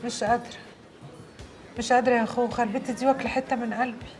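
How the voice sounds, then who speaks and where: A woman's voice: on the high side, expressive, very fast, soft background music, lightly acted. An actress with an Egyptian accent playing a betrayed young working woman in a TV drama, given to wailing curses. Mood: glum. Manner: wailing curses when distraught. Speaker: maid in a TV drama. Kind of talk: Egyptian TV series acting.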